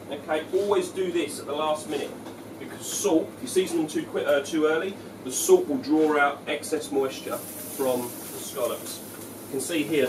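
Explaining a dish in a relaxed, easygoing way, this head chef peppers his cooking demo with "um" and "okay," his voice fairly high. The camera mic sits a few feet off in a large, echoing restaurant kitchen, and loud sizzling and kitchen clatter surround him.

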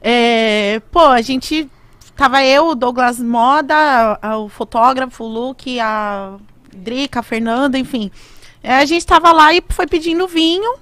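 A young Brazilian woman, a rapper appearing as a podcast guest, tells stories in slangy, playful casual chat. Her voice is high and a bit bright, her pace measured, and she sits close to a studio mic on a boom arm with no echo.

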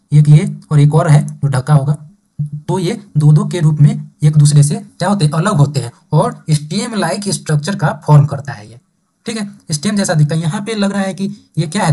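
Man teaching biology, dark husky voice. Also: a little high. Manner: reads textbook lines slowly, then explains, repeating "ठीक है". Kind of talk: exam-prep lecture mixing Hindi and English. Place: online class recording.

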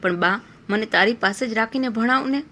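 A woman's voice: on the high side, normal speed, a bit bright, slight background noise, natural voice. Woman voicing an earnest pleading little boy. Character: young boy, loving, tearful son.

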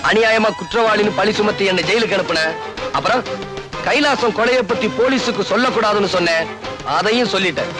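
A man's voice: high-pitched, a little fast, lightly acted. An actor playing a vengeful man with a Tamil accent who taunts and threatens. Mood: menacing. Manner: taunting, menacing. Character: vengeful, menacing young man. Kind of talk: Tamil film dialogue. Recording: film soundtrack with music.

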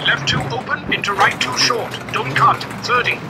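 Loud engine noise, male rally co-driver, high-pitched, rapid pace notes, terse clipped calls, racing game. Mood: brisk, focused. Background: rally car engine and driving noise.

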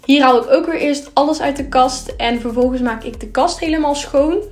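A woman's voice: sits high, normal speed, a little mellow, faint music behind. A young woman narrating a clean-with-me vlog in a chatty, upbeat voice-over with casual filler words. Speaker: vlogger.

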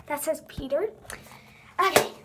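A woman's voice: sits high, measured pace, heavy background noise. A ten-year-old girl talking casually to the camera and reading aloud, with a dramatic, self-mocking manner. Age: child, ten years old. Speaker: young vlogger. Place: small room at home, indoors.

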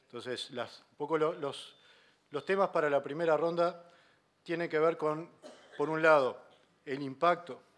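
A middle-aged man with a Uruguayan Spanish accent moderating a university panel, talking haltingly with many restarts and fillers in an auditorium. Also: on the high side, a bit bright.

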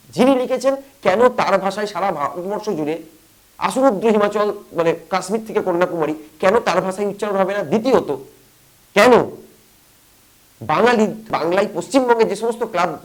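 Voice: medium pitch, low-quality recording. A commentator from West Bengal delivering an impassioned opinion monologue, full of rhetorical questions and repeated phrases.

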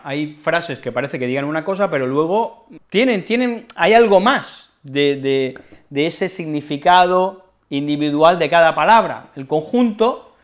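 A man from Spain with a Peninsular Spanish accent teaching colloquial expressions in a relaxed, playful way, acting out short dialogues. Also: a little high. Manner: playful, acts out little dialogues with his brother. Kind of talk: casual explanatory lesson with acted examples.

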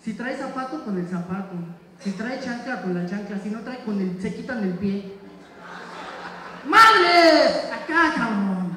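A man's voice: sits high, moderate pace, distant mic, a crowd in the background. A man with a Mexican accent performing a stand-up comedy set, bantering crudely with a live audience. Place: live stage in a hall with audience. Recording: echoey hall, mic heard from afar.

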